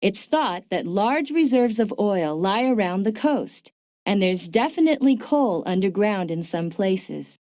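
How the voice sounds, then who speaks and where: A woman voicing a smart, dry-witted female agent in a video game, calm and informative with a touch of sarcasm. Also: mid-range voice, a little slow, dry recording, lightly acted. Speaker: game character, field agent. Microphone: dry studio mic.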